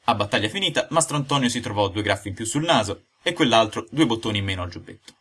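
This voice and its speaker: Lively, bright-voiced male storyteller. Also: fairly low pitch, fast, slightly rough. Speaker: audiobook reader. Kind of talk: scripted narration.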